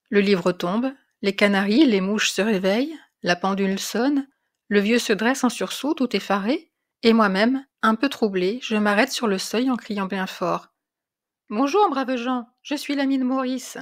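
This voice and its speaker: A woman reads a classic tale aloud with measured, expressive phrasing. Her voice sits at an average pitch, and she tells the story steadily in a scripted narration. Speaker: reader of literary classics.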